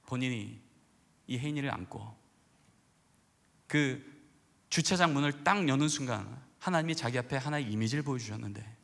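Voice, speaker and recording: A middle-aged man preaching a sermon, telling a hushed personal story that builds into fervent exhortation. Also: medium pitch, normal speed, creaky, long pauses. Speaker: guest preacher, professor. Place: large church sanctuary. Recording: church hall reverb.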